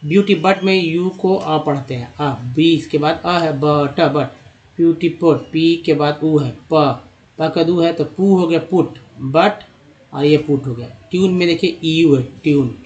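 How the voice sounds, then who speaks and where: A man teaching English spelling and pronunciation, drilling each sound slowly and repeating it, and addressing the viewers as friends. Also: on the high side, darkish tone. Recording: dull lo-fi sound.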